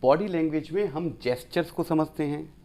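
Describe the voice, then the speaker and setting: A man's voice: fairly high pitch, normal speed, warm tone. Man teaching a lecture, step by step. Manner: explains step by step, acts out example phrases. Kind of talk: classroom lecture.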